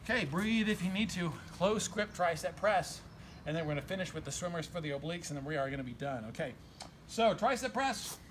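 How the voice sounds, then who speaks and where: A high-voiced man in his forties coaches exercise in a casual, encouraging way. He is recorded outside in a garden, with clear noise behind his voice. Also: a bit bright. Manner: encouraging, counts and cues. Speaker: fitness trainer hosting a workout video. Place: outdoor garden.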